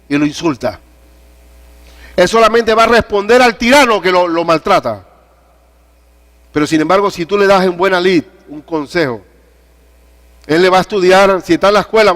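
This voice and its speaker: Older male pastor, higher-pitched voice, animated storytelling sermon. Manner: animated preaching with storytelling and questions to the congregation.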